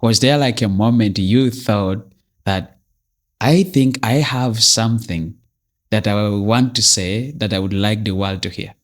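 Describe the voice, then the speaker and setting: Man, podcast host, low voice, smooth welcome, casual questions. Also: measured pace. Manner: polished scripted intro, then casual chat. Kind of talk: interview hosting.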